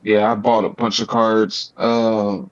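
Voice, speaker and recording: A man appearing as a guest on a casual podcast, recounting his experiences in a relaxed, easygoing way. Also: lowish voice, slow. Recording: dull, lo-fi sound.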